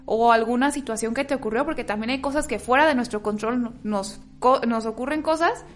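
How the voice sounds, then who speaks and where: A woman's voice: a little high, a little fast. Reflective woman guest thinking aloud. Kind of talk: casual chat.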